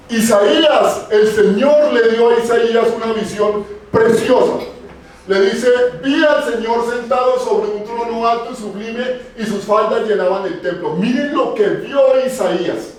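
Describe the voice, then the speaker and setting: A man with a high voice preaches to his congregation, asking them questions and repeating his key phrases. He is heard from some distance, and his voice rings through a strongly echoing church. A faint hum of the room sits behind him. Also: measured pace. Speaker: pastor. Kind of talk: sermon. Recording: echoey church from far off.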